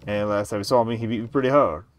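A man's voice: fairly low pitch, steady tone, quick pace, slight background noise, close to an everyday voice. A man voicing a grizzled, wheedling town drunk in a Western game, with folksy, rambling talk. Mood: rueful, chuckling.

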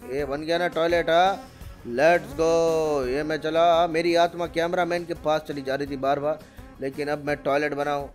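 A young man doing rowdy, playful gameplay commentary on a headset, often shouting. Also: a little high. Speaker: gaming YouTuber. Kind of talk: comic Roblox gameplay commentary. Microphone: gaming headset.

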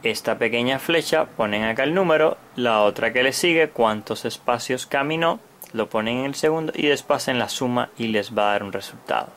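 In a brisk, slightly bright, medium-pitched voice, a man teaches a step-by-step math lesson for children, using simple short phrases like the host of a kids' show. Noticeable background noise runs through the recording.

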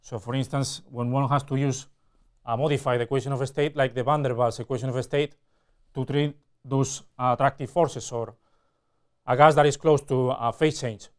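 Male lecturer, 40s, smooth clear voice, mid pitch, halting explanatory delivery for technical teaching. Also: fairly even intonation. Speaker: university lecturer. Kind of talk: technical lecture at a whiteboard with slides. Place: indoor classroom or studio with whiteboard.

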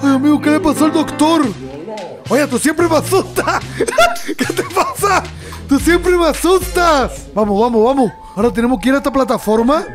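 A young man giving excitable let's-play commentary to his audience, laughing often and yelping at scares. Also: extremely high pitch, moderate pace, music in the background. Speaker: gaming YouTuber.

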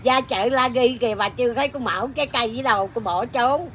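Brash woman, troupe performer, crude comic storyteller, sharp voice. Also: fairly high pitch, quick pace, a little hiss or hum. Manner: crude, blunt and animated, laughing often. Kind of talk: casual comic anecdote.

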